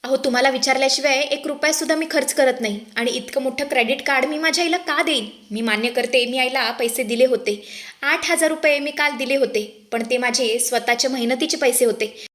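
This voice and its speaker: An indignant young wife pleading on her mother's behalf, read by a woman narrator. The voice is high and bright, and it is read aloud without any real character voice. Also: a little fast.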